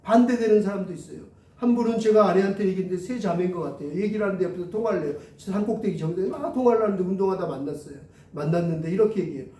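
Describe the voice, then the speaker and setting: A male pastor telling an animated story in a sermon, acting out the voices of the people he met. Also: high-pitched, very fast, hardly any pauses. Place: church hall. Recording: roomy echo, mic at a distance.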